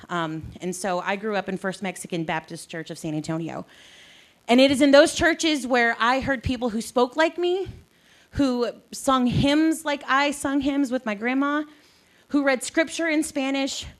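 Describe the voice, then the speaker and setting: A woman's voice: sits high, unhurried. A young adult woman from South Texas, a pastor giving a chatty, self-deprecating talk to a live audience with frequent ums. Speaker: pastor and faith organizer.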